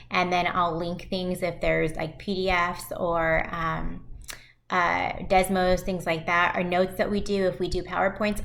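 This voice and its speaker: A woman in her thirties, a high school math teacher, walking parents through class web pages in a recorded virtual presentation. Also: fairly bright tone.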